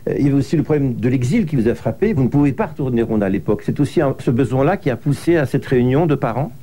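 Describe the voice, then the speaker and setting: Measured male interviewer, mellow voice. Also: mid-range voice, animated. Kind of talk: radio interview questions.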